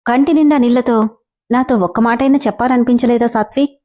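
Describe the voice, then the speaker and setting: A woman's voice: fairly high pitch, steady tone, fast talker, mellow, lightly acted. A woman reading a storybook voicing an emotional young bank colleague who pleads and feels hurt. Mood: pleading.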